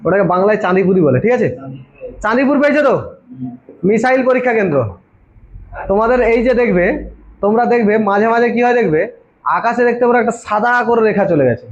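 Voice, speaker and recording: A man, peppering the room with questions and then answering them himself. The recording is dull and lo-fi. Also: high-pitched. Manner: quizzes students constantly, answers his own questions. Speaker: exam coaching teacher. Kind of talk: informal classroom lecture.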